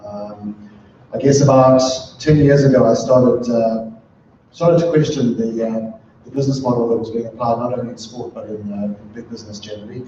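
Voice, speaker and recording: A middle-aged man from southern Africa, speaking as a panel guest and often pausing with ums and restarts. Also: mid-range voice, mellow, a little hiss or hum. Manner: thoughtful, many ums and restarts. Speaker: panel guest, sustainability consultant. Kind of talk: talk at a live event. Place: event room with an audience. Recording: echoey, distant, muffled room recording.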